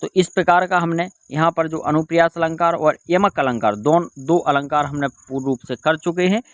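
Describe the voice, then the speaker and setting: Speaking at a moderate pace in a fairly high voice, a male Hindi tutor runs an online exam-prep class. He keeps repeating key terms and asks himself questions before answering them, all in a dry recording.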